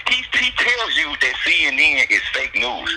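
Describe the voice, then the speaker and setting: A man from Atlanta, talking casually and repetitively about sports picks, getting animated as he goes. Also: fairly high pitch, normal speed, a little hiss or hum, rough recording. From Atlanta, USA. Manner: loose, repetitive, animated when worked up. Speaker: sports betting picks streamer. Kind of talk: casual conversation.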